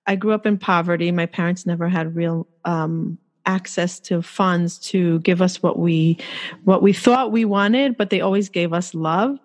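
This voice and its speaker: A woman's voice: on the low side, steady tone, unhurried. A woman who grew up in Israel, a podcast guest eagerly telling her life story in a chatty way with frequent fillers. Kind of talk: casual interview chat.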